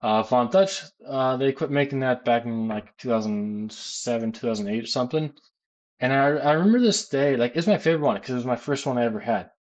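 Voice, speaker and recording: American guy rambling on a live stream, lots of ums, medium pitch. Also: a little fast. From United States. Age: adult, works as a teacher. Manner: rambling, many fillers and restarts. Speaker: gaming streamer answering chat questions. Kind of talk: casual live-stream chat.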